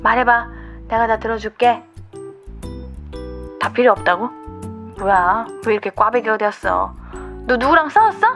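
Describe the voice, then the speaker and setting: A young woman radio DJ delivering a scripted, gentle and consoling monologue as if to an upset friend. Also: a little high, lively intonation, normal speed, long pauses, faint music behind.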